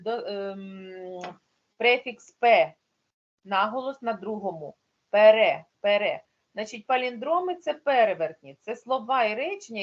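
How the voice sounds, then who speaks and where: A woman's voice: mid-range voice, muffled recording. A woman teaching a primary school class online, explaining patiently step by step.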